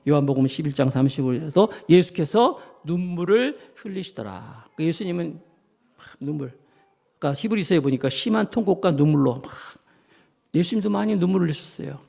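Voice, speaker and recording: A male pastor with a fairly high, gravelly voice preaches a sermon at a fairly quick pace, addressing his congregation directly. He tells the story vividly and with animation, acting out voices and sounds.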